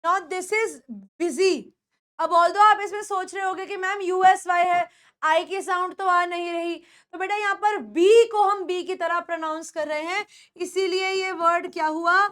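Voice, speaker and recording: A woman teaches pronunciation in a classroom lesson, her voice high and her pace unhurried. She says each word again and again and keeps checking whether her students have understood. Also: steady tone, fairly bright tone. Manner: drills words by repeating them and asks students checking questions.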